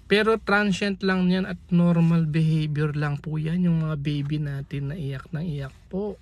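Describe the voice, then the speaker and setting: A man's voice: high voice, vocal fry, no room sound. A middle-aged man with a Filipino accent, giving a chatty medical lesson and reading from a textbook between folksy asides. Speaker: medical lecturer. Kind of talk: casual lesson in mixed Tagalog and English.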